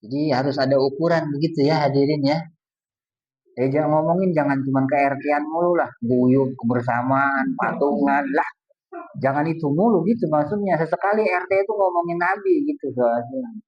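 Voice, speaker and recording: A man's voice: on the high side, normal speed. A man preaching a casual, colloquial sermon to a congregation, earnest and speaking directly to his listeners. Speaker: Islamic preacher. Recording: distant dull lo-fi recording.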